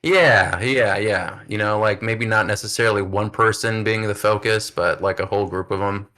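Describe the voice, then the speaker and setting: A man hosts a casual podcast chat, talking in an upbeat, rambling way full of fillers. His voice sits a little low but has a bright, forward ring. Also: normal speed. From United States. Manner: chatty, upbeat, many fillers. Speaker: podcast host.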